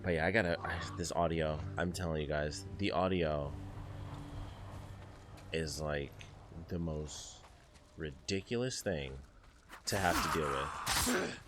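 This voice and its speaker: Deep-voiced guy commentating a game. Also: slow, pauses often. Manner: chatty, exasperated asides. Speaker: gaming streamer. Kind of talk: casual gameplay commentary. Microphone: desk mic, streaming setup. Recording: game music underneath.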